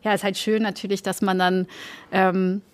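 A woman in her thirties from Belgium, a guest in an interview, who talks with many fillers and pauses. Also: mid-range voice, flat delivery. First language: not German. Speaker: marketing manager guest. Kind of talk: casual interview chat.

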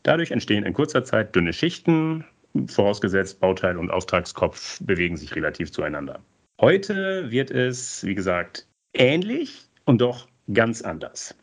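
A podcast host with a lowish, sing-song voice speaks at a measured pace, reading a scripted introduction and putting questions to his guests with playful wordplay.

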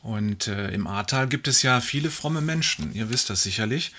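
Male joke teller, bright tone, fry-heavy, unhurried storyteller with fillers. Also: lowish voice, expressive. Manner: leisurely storytelling with fillers, acting out the voices. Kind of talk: telling jokes to an audience.

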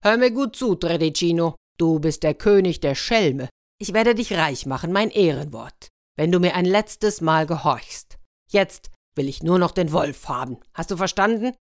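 A woman's voice: lowish voice, lively intonation, moderate pace, dry recording, studio quality. A woman voicing a stern, threatening fairy-tale king who speaks in a commanding, emphatic way.

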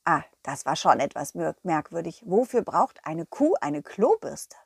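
Slow, playful children's storyteller woman. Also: sits low, big pitch swings, gravelly, husky, dry recording, clean studio sound. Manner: playful, talks directly to children. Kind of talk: first-person narration of a children's story.

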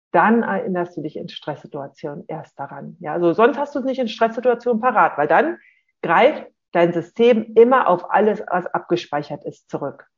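A parenting coach giving a calm, explanatory talk to parents and often checking in with a short "ja?". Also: mid-range voice. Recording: dull lo-fi recording.

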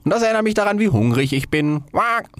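A man's voice: high-pitched, very animated, fast, a bit bright, no echo, voice pushed up. A man doing a quacking, chatty duck.

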